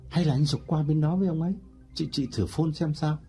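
A man's voice: a little high, fairly even intonation, fairly quick, mellow, faint music behind, voice pushed up, natural voice. A man voicing an obliging, eager male friend in an audiobook story. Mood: helpful.

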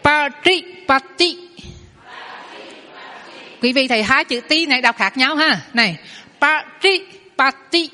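A woman teaches as a Buddhist nun, her fairly high voice carried through a hall with a long trailing reverb. She explains patiently and slows down to drill new words, saying each twice for her class. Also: pushed and bright. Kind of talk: Dharma lesson with pronunciation drills.

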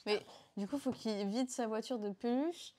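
A French woman co-hosting a live stream, her voice sitting a little on the high side. She chats casually and banters back and forth with her partner. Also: normal speed, warm tone. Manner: laughing, bantering.

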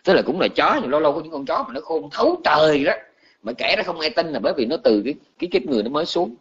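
A man, a Buddhist monk, telling a story in a colloquial, animated sermon. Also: a little high, rapid-fire, husky, highs cut off.

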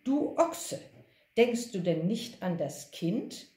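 A woman's voice: low voice, lively intonation, unhurried, dark tone, reverberant. A woman voicing a wise donkey who scolds sharply and asks pointed questions. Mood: scolding. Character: indignant donkey, the wise one.

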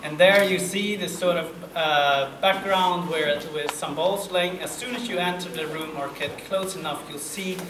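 Hosting a live interview before an audience at a table, a young man talks casually and full of fillers, at normal speed with hardly any pauses in his high voice. The table mic on its stand sits far from him, and the room is echoey and noisy.

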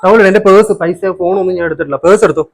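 A man filming a casual home prank for a family vlog, talking urgently and reassuring again and again, sometimes hushed. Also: sits high, rapid-fire. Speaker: family vlogger pulling a prank.

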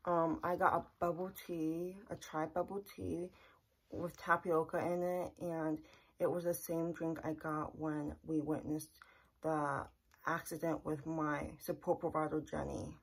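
Seated before a close camera in her small bedroom, a young vlogger talks earnestly, plainly and repetitively. Her husky voice sits low and comes out a little slow and flat, captured in a rough recording.

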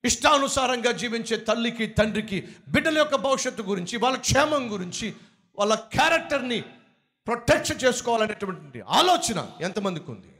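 A man's voice: very high voice, very animated, brisk, fairly bright tone. A male pastor preaching a rebuking sermon with rhetorical questions, then leading a pleading prayer. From India.

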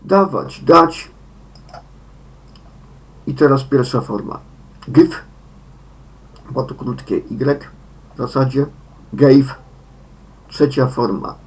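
A man with a Polish accent talks through English pronunciation at a very slow, deliberate pace. His pitch moves a lot, rising sharply on each example word. He says every word three times in a row. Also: expressive. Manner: slow, deliberate, repeats words in sets of three. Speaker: English teacher.

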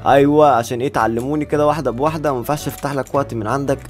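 A man's voice: mid-range voice, steady tone, very fast, soft background music. A man with an Egyptian Arabic accent giving casual gameplay commentary, joking and talking straight to his viewers. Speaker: gaming YouTuber.

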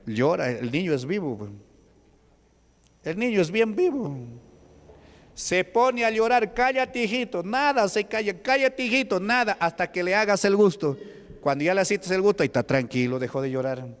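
A male pastor with a high, animated voice preaches a Pentecostal sermon at a moderate pace in a church hall, asking the congregation rhetorical questions. The recording carries a long, echoey reverb.

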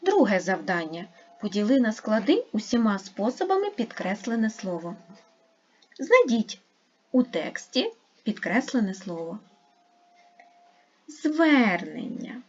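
A woman teaching an online lesson to young pupils, speaking slowly and carefully as she spells out sounds and syllables. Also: medium pitch, sing-song, breathy edge, highs cut off. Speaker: primary school teacher.

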